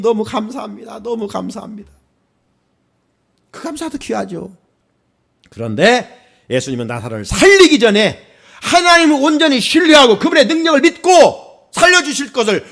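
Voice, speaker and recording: Animated high-pitched male pastor preaching. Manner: animated preaching with rising exclamations; asks the congregation questions. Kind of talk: sermon.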